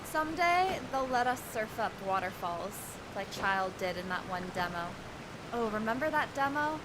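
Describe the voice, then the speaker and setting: A woman's voice: fairly high pitch, expressive, moderate pace, noisy background. A young woman streaming a video game, chatting casually in a rambling, slangy way. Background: game music.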